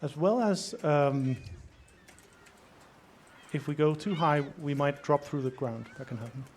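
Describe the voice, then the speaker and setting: A man giving casual live gameplay commentary in a hesitant, halting way as he explains the game. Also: on the high side, darkish tone, slight background noise. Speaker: speedrunner. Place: live event with small audience. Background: game music and sound.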